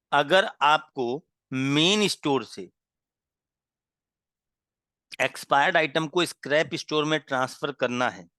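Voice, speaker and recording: Bright, dry-voiced male trainer. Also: mid-range voice, no echo. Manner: explains slowly, with frequent "ठीक है" check-ins and asides; pauses to clear his throat and apologize. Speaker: software trainer. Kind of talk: classroom-style lecture.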